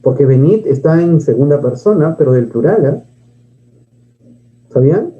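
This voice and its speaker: A man's voice: a little high, animated, normal speed. A man teaching a grammar lesson, who asks and answers his own questions and reads poems aloud. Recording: dull lo-fi sound.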